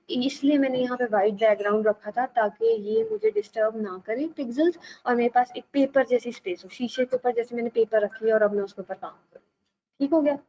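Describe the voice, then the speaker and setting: A woman teaching a live online design class, patient and steady, often checking that students follow. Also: fairly high pitch, dull audio. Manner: patient, repeats "ठीक है" to check understanding.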